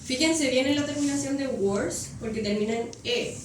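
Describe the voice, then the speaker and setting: Woman, high voice, patient classroom teacher, heard from afar in a noisy room. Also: normal speed. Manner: patient, checks understanding with frequent questions. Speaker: English teacher. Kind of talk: classroom grammar explanation. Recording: echoey classroom from far off, noisy.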